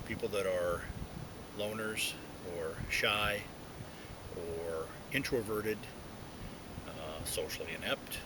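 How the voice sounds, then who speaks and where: The recording is noisy and rumbly, captured outdoors where a pipe-smoking vlogger sits within a hollow tree. He chats alone to his viewers in a casual, thoughtful, halting manner, the pipe still in his mouth.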